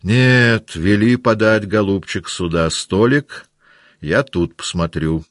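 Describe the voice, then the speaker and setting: A man reading the lines of a tired, stout old army commander, drawling slowly and wearily. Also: lowish voice, dry recording, studio quality, pitched above the performer's own voice. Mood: weary.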